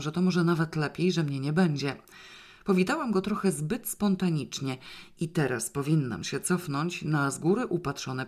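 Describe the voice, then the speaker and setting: A woman's voice: deep voice, darkish tone. Woman reading a novel aloud. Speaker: audiobook reader. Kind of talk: scripted narration of a novel.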